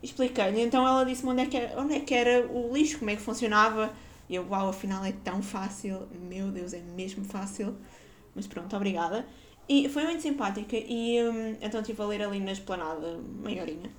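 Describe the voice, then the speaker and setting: A young podcaster from Guarda, speaking with that region's European Portuguese accent, talks fast in a fairly high voice. She tells a casual personal story in a chatty way, laughing a lot and using plenty of fillers.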